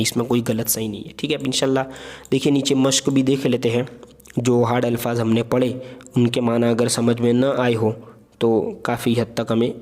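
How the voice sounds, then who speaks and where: A man talks through a spelling lesson in a steady, mid-pitched voice. He goes patiently word by word, repeating terms and pausing to check that the point has landed. It sounds like a voice-over recorded over a screen lesson. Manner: patient, repeats words and checks with "theek hai". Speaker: Urdu teacher.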